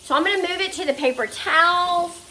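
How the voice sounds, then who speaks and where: Fairly quick and sharp in tone, her very high voice sounds slightly nasal since she's getting over a fever. The cooking vlogger chats away to her "guys" at the stove in her home kitchen as meat sizzles in the skillet. Expect kitchen echo, a mic placed a bit far off, and slight background noise.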